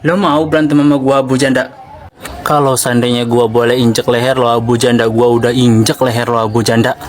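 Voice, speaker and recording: A man's voice: mid-range voice, flat delivery, fairly quick, slight background noise. A man ranting furiously and threateningly. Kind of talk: angry video rant.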